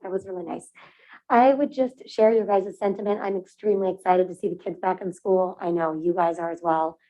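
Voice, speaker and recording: A woman's voice: on the low side, fairly even intonation, brisk, dark tone. Upbeat, chatty woman at a board meeting. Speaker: school board director, parent. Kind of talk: casual remarks at a board meeting. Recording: muffled meeting-room audio.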